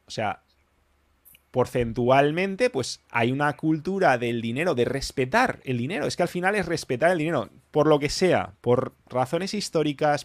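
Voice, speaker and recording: A Spanish man with a Valencian accent hosts a loose podcast chat, talking bluntly and with emphasis, swearing freely. His voice sits a little high for a man. The sound is dry and close, with no room around it. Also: no room sound. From Spain. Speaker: podcast host. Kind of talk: casual chat.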